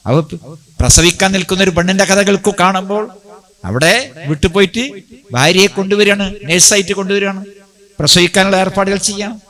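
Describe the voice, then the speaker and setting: A man's voice: high voice, fairly quick, a bit bright. A man preaching a Friday sermon in a mosque. He tells the story and keeps asking rhetorical questions that he answers himself.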